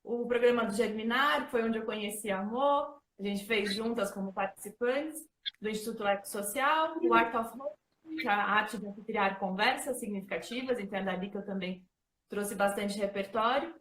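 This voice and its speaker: A woman in her thirties from São Paulo, Brazil, speaks with a São Paulo Portuguese accent at a medium pitch and normal speed, her voice a bit bright. Hosting and facilitating a casual talk, she introduces herself in a chatty way, full of fillers like "né" and "então." The recording is low quality and reverberant.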